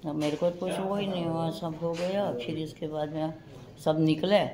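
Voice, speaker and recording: In a hospital room, an older woman with a low, mellow voice rambles through memories of her life, speaking at a moderate pace with fairly even intonation. She's an interviewee recounting her past as personal memoir, acting out what other people said. The recording sounds roomy, with crowd noise behind her.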